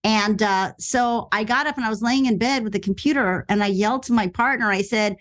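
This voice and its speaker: A middle-aged actress telling a story in a casual interview, acting out quoted lines with sudden jumps in pitch. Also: female voice, fairly quick, a bit bright. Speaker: actress and podcast guest.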